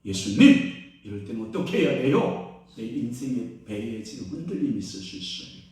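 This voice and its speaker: A male pastor preaching a sermon, quizzing the congregation with questions and swinging between hushed and loud exclaiming. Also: medium pitch, very animated, moderate pace. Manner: call-and-response questions to the congregation. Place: church sanctuary. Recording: echoey church hall, distant mic.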